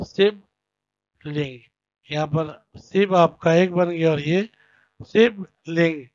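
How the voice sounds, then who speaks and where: A male teacher from Pakistan explains a school lesson to young children. He reads each point, translates it, repeats key words slowly and checks that the children follow. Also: on the high side, fairly even intonation, no room sound. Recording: dull lo-fi recording.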